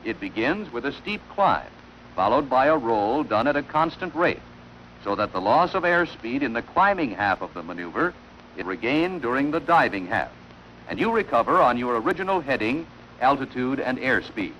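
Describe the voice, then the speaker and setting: On an old film soundtrack, a man gives formal, measured instructional narration in the manner of a wartime training film. His medium-pitched voice is very animated and a bit bright, while the audio is dull with a little hiss or hum.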